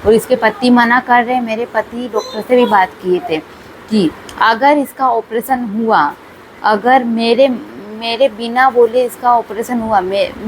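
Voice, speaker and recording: A woman's voice: a little high, rough recording. A young woman vlogger telling her own story in a casual, chatty way, repeating herself often. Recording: faint background noise.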